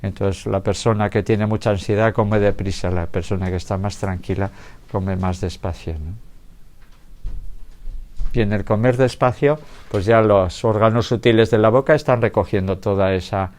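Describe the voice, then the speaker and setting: A man with a somewhat low voice gives a health lecture to an audience in a lecture room. He speaks in a relaxed, conversational way. He poses rhetorical questions and checks in with his listeners as he goes. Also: moderate pace. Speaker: doctor giving a public lecture.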